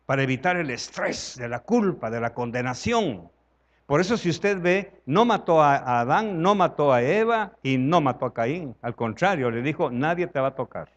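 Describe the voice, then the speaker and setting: A man's voice: on the high side, expressive, normal speed, lo-fi sound. A man with a Salvadoran Spanish accent preaching a conversational sermon in church, acting out dialogue and asking the congregation questions.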